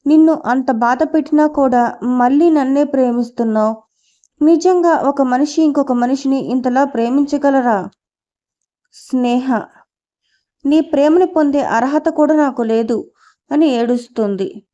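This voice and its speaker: A woman reading a novel aloud, voicing the narration and every character's dialogue in one steady voice. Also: high voice, a little slow, pauses often, muffled recording. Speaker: storyteller.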